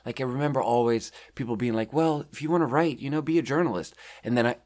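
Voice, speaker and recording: A man's voice: medium pitch, fast, darkish tone. A man in his thirties from Sweden, chatting casually as a podcast host, rambling and self-deprecating as he reads out his own writing. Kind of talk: casual chat.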